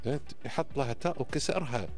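A man in his fifties with a Kuwaiti Gulf Arabic accent appears as a guest on a podcast, explaining things emphatically like a teacher and frequently checking that he's being followed. His medium-pitched voice moves fast, picked up by a close boom-arm studio mic in an indoor studio while soft music plays underneath.

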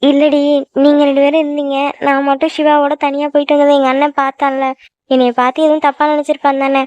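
A woman's voice: high-pitched, completely flat delivery, fast, darkish tone, no echo, lo-fi sound. A woman voicing young women in a Tamil-language cartoon, in worried, confiding chatter.

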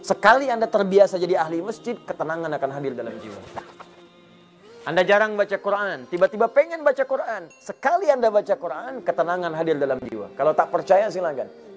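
A middle-aged man preaching a sermon, telling stories with acted dialogue and recited verses, swinging between loud emphasis and soft asides. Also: high-pitched, sing-song, brisk, soft background music. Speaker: Islamic preacher.

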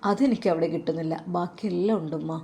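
A woman voicing a troubled young male religious scholar who deeply loves his mother, speaking softly and sorrowfully. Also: quick pace, gravelly. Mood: tender. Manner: soft, sorrowful, heartfelt.

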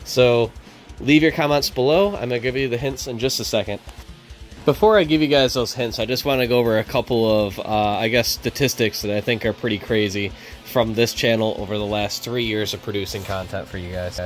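A man's voice: medium pitch, steady tone, brisk, faint music behind. A man in his thirties hosting his car channel's vlog in a casual, self-deprecating, rambling way. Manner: laid-back, self-deprecating, rambling with fillers. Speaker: channel host.

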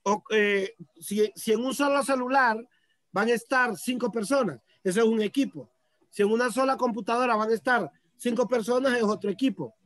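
A man's voice: extremely high pitch, moderate pace, a bit bright, no room sound. A man teaching a course over a video call, explaining patiently step by step. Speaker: course instructor.

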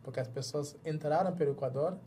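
Speaking fairly quickly with a fairly high pitch and dark tone, a Jamaican man in his thirties guests as a journalist in a small padded studio, his Jamaican accent clear as he restarts words while reaching for Portuguese. Faint music sits behind the casual interview.

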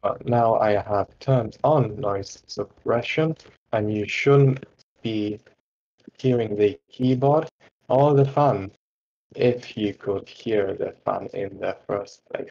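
The voice is on the low side, slow, creaky, and darkish, with lo-fi sound. It belongs to a young adult British tech tester casually demonstrating a product off the cuff, with dry jokes, from a computer desk in a small carpeted bedroom. His mic shifts between desktop microphone, laptop mic, and phone.

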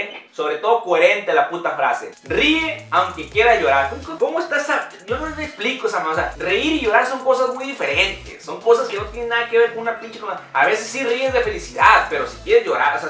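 Brief: young Mexican comic vlogger, profane and mocking, slightly high voice, recorded from a distance with faint music. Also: male voice, pushed and bright, roomy sound. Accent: Mexican Spanish. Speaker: comedy vlogger. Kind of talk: crude comedic rant.

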